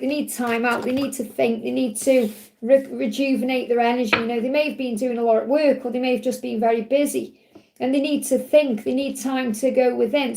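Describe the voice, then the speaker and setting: Middle-aged female tarot host, high-pitched yet soft-edged and mellow, a little croaky, reassuring live-reading delivery. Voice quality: slightly croaky when hot. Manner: reassuring, repeats points in parallel phrases.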